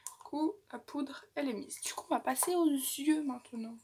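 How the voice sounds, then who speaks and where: A woman's voice: high-pitched, normal speed, heavy background noise. A woman beauty vlogger chatting through a casual makeup tutorial, often half-whispering and drifting into rambling asides, recorded on a phone. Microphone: phone camera.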